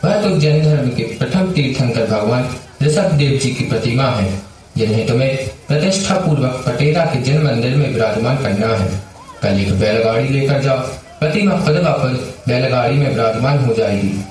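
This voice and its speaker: An actor voicing a solemn divine presence that speaks in a dream in a school stage play, commanding and instructive. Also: male voice, medium pitch, moderate pace, a little mellow, close to an everyday voice. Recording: echoey hall, voice from far off.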